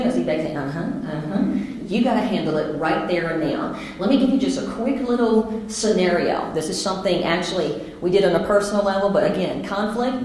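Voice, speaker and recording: A middle-aged woman giving an animated, chatty storytelling keynote talk as a motivational speaker. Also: fairly low pitch, slight background noise. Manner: lively, conversational, animated. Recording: echoey hall.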